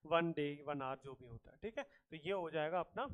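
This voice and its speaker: A man's voice: a little high, lively intonation, moderate pace, a bit bright. A man teaching an exam-prep math lesson, walking through problems step by step, mixing Hindi with English math terms and often checking in with his students. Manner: explains step by step, often checks in with "thik hai" and "bachchon".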